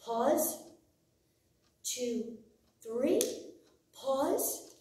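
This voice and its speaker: A middle-aged woman speaks as an aerobics instructor, in a high, soft-edged mellow voice. She gives short, encouraging exercise cues and counts. The sound is distant, picked up across a very echoey studio. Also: lively intonation, very slow, slight background noise. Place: large indoor exercise studio with hard floor. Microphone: far camera. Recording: roomy echo, distant camera mic.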